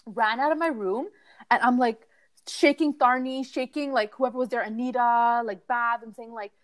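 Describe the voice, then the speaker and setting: A young woman co-hosting a podcast, telling a family story in a chatty, animated way, laughing often and full of "like" fillers. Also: a little high, moderate pace. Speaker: podcast co-host. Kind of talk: casual storytelling chat.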